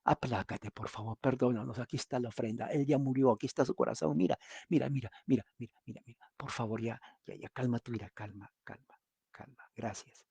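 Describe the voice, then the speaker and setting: Man as a desperate ancient priest, begging quietly and over and over, with a warm, dark tone. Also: mid-range voice, a little fast, creaky, husky, no echo. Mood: pleading. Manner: pleading, hushed and repetitive. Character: ancient male priest begging an angry god for mercy.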